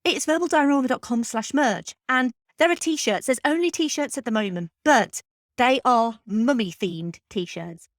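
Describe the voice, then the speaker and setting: A woman's voice: a little high, expressive, a little slow, no room sound, studio quality. A woman hosting her own podcast, chatting casually and upbeat with listeners and laughing easily. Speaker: podcast host.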